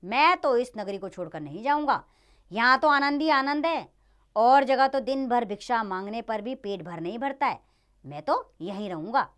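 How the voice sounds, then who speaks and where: A woman's voice: on the high side, animated, moderate pace, fairly bright tone. A woman voicing a greedy, cheerful young male disciple who exclaims with delight in a children's play reading.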